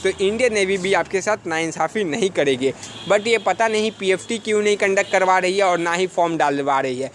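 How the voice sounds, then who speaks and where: Man, exam coaching teacher, high-pitched voice, earnest pep talk, rhetorical questions, faint background noise. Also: brisk, fairly bright tone. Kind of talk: casual advice vlog to students.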